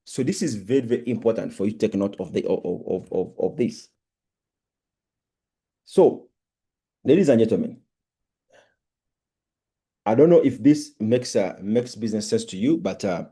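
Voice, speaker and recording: A man giving a live sales pitch as an emphatic crypto-bro promoter, often stammering and repeating words for emphasis. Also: mellow, husky. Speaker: crypto promoter presenting on a live Zoom call. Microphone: online video call.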